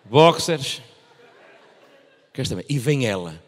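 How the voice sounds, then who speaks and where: A man in his thirties with a European Portuguese accent, doing animated stand-up into a handheld mic on a large theatre stage. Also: medium pitch, slow, big-room sound. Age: 30s. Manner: animated, repeats and restarts phrases for effect. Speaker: stand-up comedian. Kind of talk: stand-up comedy routine. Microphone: handheld microphone.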